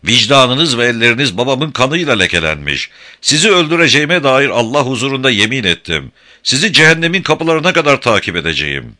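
A man voicing a wounded, vengeful commander who shouts raging threats in an audiobook. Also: medium pitch, big pitch swings, fairly quick, pitched above the performer's own voice.

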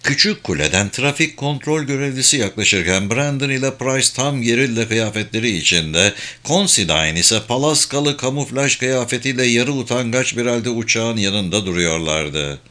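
A man reading a thriller audiobook aloud in a steady, measured manner. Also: medium pitch. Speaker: audiobook narrator. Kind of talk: scripted audiobook narration.

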